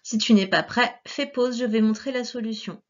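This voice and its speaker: In a muffled recording, a woman teacher patiently dictates syllables slowly to a child, spelling letters one at a time and softly breathing out the sounds. Her voice is a little high with fairly even intonation.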